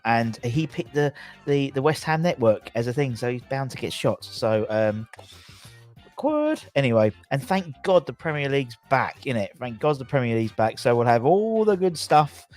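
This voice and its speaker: A man's voice: medium pitch, darkish tone. A man with a southern English accent hosting a casual football fan livestream, rambling and jokey, often repeating himself as he chats to viewers.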